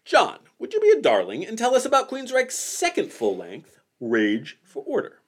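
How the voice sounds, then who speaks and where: Man, 40s, podcast host, wry and joking, very lively pitch. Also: moderate pace, slightly rough. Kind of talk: casual podcast chat.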